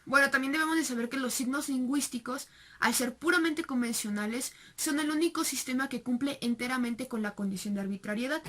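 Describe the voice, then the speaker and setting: A woman's voice: high voice, fairly quick, pushed and bright. A young woman with a Mexican Spanish accent, giving a recorded class presentation with many fillers and rhetorical question tags. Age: young adult. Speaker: student presenter.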